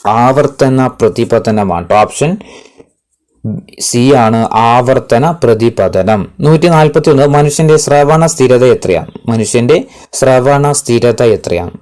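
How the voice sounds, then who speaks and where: A man, a tutor reading exam-prep quiz questions aloud, repeating each one and then giving the answer slowly and with emphasis. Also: mid-range voice, animated, darkish tone.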